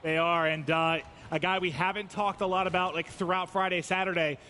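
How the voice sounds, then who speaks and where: A man doing excitable, exclamatory play-by-play commentary as an esports caster. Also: high voice, brisk. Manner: excitable, exclamatory, playful banter. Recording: noisy event ambience behind voice.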